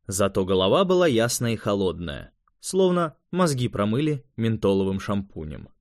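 Male audiobook narrator, low voice, lively intonation, dry close studio sound. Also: no echo. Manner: expressive, measured reading. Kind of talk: scripted narration.

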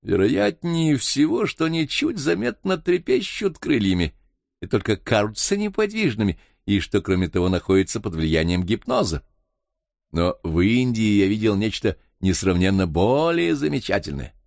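A worldly middle-aged doctor, read by a male audiobook narrator, explaining in a slow, measured lecturing way. His pitch moves with lively emphasis, and the recording is dry. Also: gravelly, no echo. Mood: earnest.

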